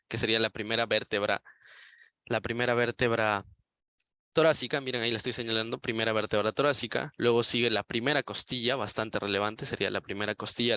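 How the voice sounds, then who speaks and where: In this recorded anatomy lecture, a man with a medium-pitched, bright voice teaches forcefully, walking through each step while pointing at images. The audio has no echo.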